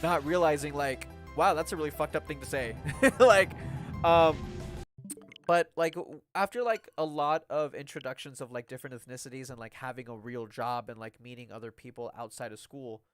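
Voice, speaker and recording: Faint music sits behind a young Mexican-American man who chats casually on his live game stream at normal speed and medium pitch. Rambling and talkative, he leans heavily on "like" and "um" and laughs often.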